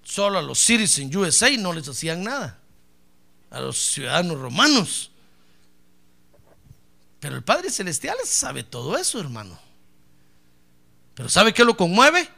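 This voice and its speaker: High, gravelly preacher man. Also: big pitch swings, unhurried, pauses often. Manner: emphatic, repeats words, swings from hushed to loud. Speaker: pastor. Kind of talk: sermon.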